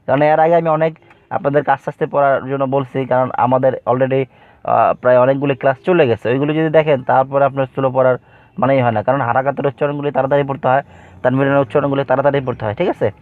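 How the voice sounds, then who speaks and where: A man teaching Quran reading in an online lesson, chanting syllable drills in a higher sing-song voice between plain explanations. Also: fairly even intonation, fast talker, no echo. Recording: tinny phone-like line.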